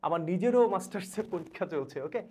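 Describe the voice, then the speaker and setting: A young man from Bangladesh, an English teacher giving rapid exam advice to students, repeating instructions urgently. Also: high voice, animated, darkish tone, husky. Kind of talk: exam suggestion lesson.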